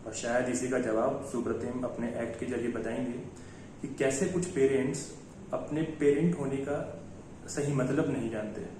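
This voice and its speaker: A man's voice: mid-range voice, fairly even intonation, moderate pace, mellow. A man hosting a college event, giving an earnest stage introduction and posing rhetorical questions. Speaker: event host introducing an act. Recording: very echoey hall, distant mic, faint noise.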